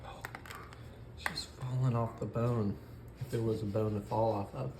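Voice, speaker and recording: A man's voice: on the low side, fairly even intonation, moderate pace, echoey room, background noise. A man hosting a home cooking video, walking through each step in an easygoing, jokey, folksy way. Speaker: cooking show host. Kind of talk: casual cooking demonstration.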